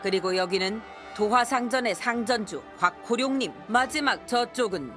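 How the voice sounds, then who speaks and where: A woman's voice: fairly high pitch, animated, normal speed, fairly bright tone, faint music behind. A woman playing a composed guild leader in a game, speaking politely and formally. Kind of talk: Korean game character acting.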